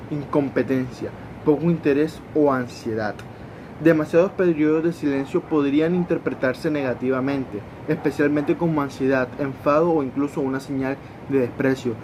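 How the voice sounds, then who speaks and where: A man's voice: a little high, noisy background. A student giving a class presentation, explaining points and often repeating words as he goes.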